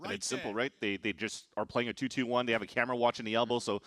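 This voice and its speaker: A man doing color commentary on an esports match, calmly explaining the tactics. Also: medium pitch. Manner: measured, explanatory, breaks down tactics. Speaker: esports caster.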